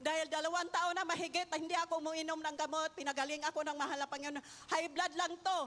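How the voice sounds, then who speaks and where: A woman's voice: sits high, level tone, rapid-fire, sharp tone. An older woman giving a fervent church testimony, constantly calling out to the congregation and punctuating her story with hallelujahs. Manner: fervent, repeats "mga minamahal" and hallelujah. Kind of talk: testimony in a worship service. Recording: long hall reverb.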